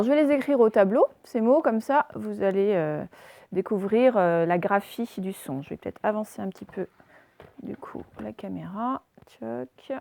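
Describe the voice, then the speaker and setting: A woman primary school teacher giving a recorded phonics lesson to young pupils, speaking slowly and spelling out letters and words at a whiteboard, picked up by her camera's microphone. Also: medium pitch, warm tone. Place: room with a whiteboard, filmed on her own camera.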